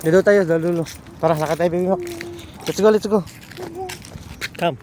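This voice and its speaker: A woman's voice: lowish voice, moderate pace, a little mellow. A woman filming a toddler outdoors on a phone, coaxing him along in sing-song baby talk mixed with English. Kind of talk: casual family vlog. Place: outdoor park on a hill. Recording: outdoor noise behind.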